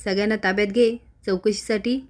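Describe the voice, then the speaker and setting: A woman's voice: medium pitch, fairly even intonation, a little fast, natural voice. A commanding middle-aged officer barks orders at the family, as a woman storyteller reads his lines. He is blunt and bossy in this storybook recap.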